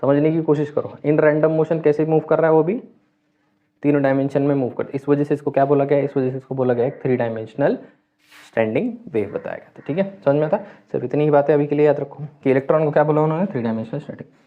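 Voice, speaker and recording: A man's voice: a little high, fairly even intonation, fast. Male teacher lecturing on chemistry, explains step by step, mixes in English terms; narrow lo-fi sound. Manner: explains step by step, asks and answers own questions. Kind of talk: classroom lecture. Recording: tinny phone-like sound.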